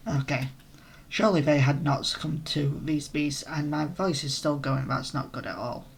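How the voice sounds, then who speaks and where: A hoarse man who is losing his voice, narrating a role-play adventure in the first person and breaking off for casual asides. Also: a little high, measured pace, a little hiss or hum.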